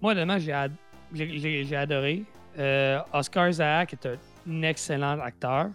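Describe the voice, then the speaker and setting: A man's voice: fairly high pitch, fairly even intonation, normal speed, fairly bright tone, faint music behind. A man with a Québécois accent hosting a casual chat, rambling and repeating his words as he reviews a series. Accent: Quebec French. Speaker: podcast host.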